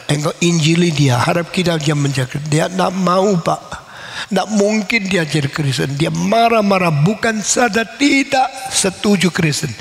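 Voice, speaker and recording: A man preaches a sermon woven with a personal story. His fairly high voice has a gravelly edge, and he rises sharply on his emphatic points, then slows down to let them land. The long reverb of a large hall rings after every phrase. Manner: emphatic, rising on key points, slows for weight.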